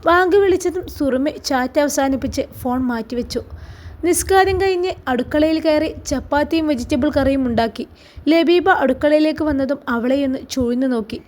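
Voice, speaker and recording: A woman narrating a scripted story in an expressive, dramatic reading style. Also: sits high, brisk.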